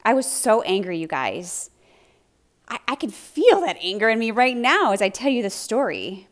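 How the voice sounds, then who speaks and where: A woman's voice: mid-range voice, very animated, moderate pace. A middle-aged woman hosting a talk about marriage, candidly telling a personal story with laughs along the way. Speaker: podcast host on marriage.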